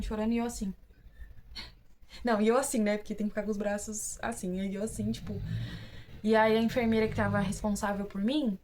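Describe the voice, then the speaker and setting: A woman's voice: on the high side, a little mellow, slight background noise. A young woman with a Brazilian Portuguese accent, casually telling viewers her own story, chatty and full of fillers and restarts. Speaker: vlogger.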